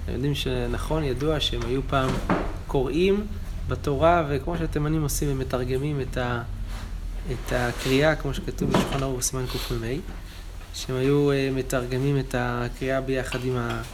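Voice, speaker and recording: A man teaching a daily Talmud class in speech, explaining passages and chanting the quoted lines louder. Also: mid-range voice, fairly even intonation, noisy background.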